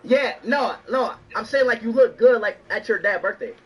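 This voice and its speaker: A man livestreaming in a casual chat, brash and excitable, repeating himself as he reacts. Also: high voice, moderate pace, distant mic.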